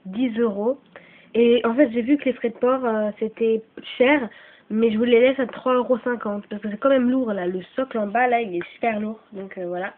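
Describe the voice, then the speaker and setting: A channel host, a little high-pitched and suffering from a cold, coughs as she chats through the secondhand things she's selling. Her speech meanders with pauses and apologies, peppered with "euh" and "voilà." The phone-like recording is tinny with a faint hiss.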